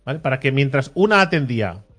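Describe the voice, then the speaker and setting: A young man from telling a lively anecdote in casual chat, mimicking people he met. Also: medium pitch, fast talker, husky, soft background music. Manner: animated storyteller, mimics voices of people in the queue.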